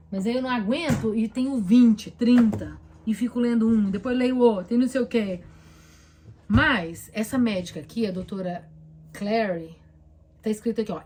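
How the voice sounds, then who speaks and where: A woman's voice: fairly high pitch, darkish tone. A woman with a Brazilian Portuguese accent, a therapist giving casual advice on a live stream, talking emphatically and repeating points as she coaches listeners directly.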